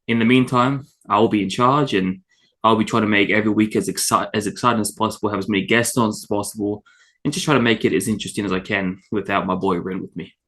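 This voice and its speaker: Low-voiced man hosting a podcast. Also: fairly bright tone. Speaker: podcast host. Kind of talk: casual, unscripted podcast talk.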